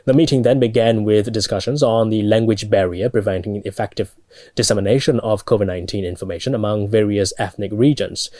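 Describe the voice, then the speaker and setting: A young man with a Burmese accent anchors a news bulletin. His voice sits a little low as he reads scripted reports. The studio sound is very dry, with no room echo. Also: steady tone, brisk, mellow. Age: young adult.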